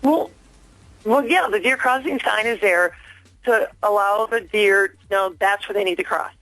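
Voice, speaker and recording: Over a dry phone line to a radio studio, a female listener complains earnestly and insistently, hesitant and unscripted. She speaks at a moderate pace with a medium-pitched, slightly bright voice, and the recording is dry.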